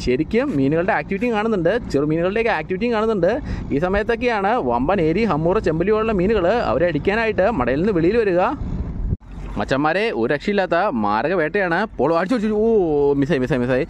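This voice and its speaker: A man with a Malayali accent giving energetic, hyped commentary on fishing, talking straight to his viewers. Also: high voice, fast, slight background noise. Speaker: fishing vlogger narrating.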